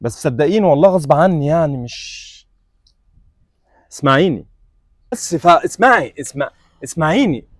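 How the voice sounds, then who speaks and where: A man's voice: fairly high pitch, animated, no echo, clean studio sound. A young man with an Egyptian accent playing a rude, arrogant man in a web sketch, talking brusquely and dismissively. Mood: apologetic. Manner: brusque, dismissive, quick to shout.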